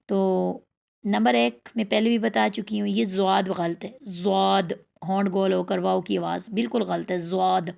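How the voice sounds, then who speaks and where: A woman teaching a tajweed lesson, repeating letter sounds slowly and drawn out as she explains how to pronounce them. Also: medium pitch, fairly even intonation, creaky, a little mellow. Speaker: Quran recitation teacher.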